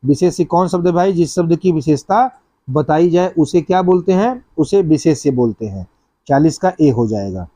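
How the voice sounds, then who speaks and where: A man's voice: a little high, animated, normal speed, warm tone, dry recording. A man teaching an exam-prep class, going through practice questions step by step and repeating each answer.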